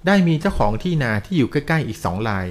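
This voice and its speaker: Fast-talking male ghost-story teller. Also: on the high side. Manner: lively, polite, with frequent polite particles.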